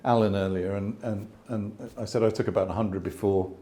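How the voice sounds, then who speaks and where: A man's voice: fairly low pitch, steady tone, brisk, dark tone, a little hiss or hum. A man in his sixties, a landscape photographer, talking thoughtfully at an exhibition, with frequent restarts and asides. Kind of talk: conversational exhibition talk. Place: exhibition space before an audience.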